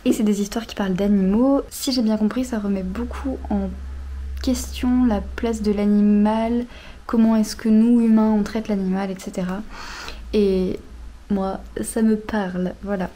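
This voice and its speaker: A young woman in her twenties chatting casually about books in a vlog, with many fillers and soft, half-whispered asides. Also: mid-range voice, fairly even intonation, measured pace, a little hiss or hum. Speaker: vlogger. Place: outdoors near road traffic.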